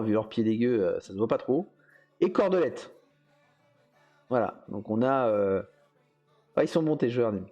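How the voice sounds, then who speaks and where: A man's voice: medium pitch, dark tone. A man hosting a casual livestream, rambling through his talk with hesitant fillers and frequent chuckles. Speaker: host.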